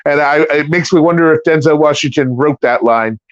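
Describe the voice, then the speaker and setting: A man's voice: fairly high pitch, no echo. A man chatting casually as a livestream guest, stammering and repeating words. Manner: stammering, quick to laugh. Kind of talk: casual chat. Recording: dry, dull lo-fi audio.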